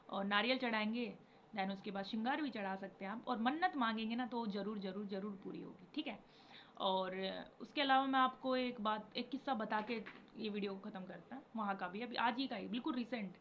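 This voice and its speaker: A tired young woman talking casually and rambling to her viewers about devotion, mixing English words into her Hindi and chanting repeated syllables now and then. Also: mid-range voice. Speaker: spiritual vlogger. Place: home. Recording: dull lo-fi recording with faint background noise.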